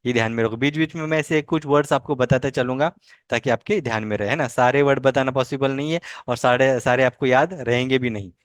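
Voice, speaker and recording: A male language teacher leading a pronunciation lesson, repeating each word slowly several times and then explaining patiently. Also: medium pitch, no room sound, studio quality.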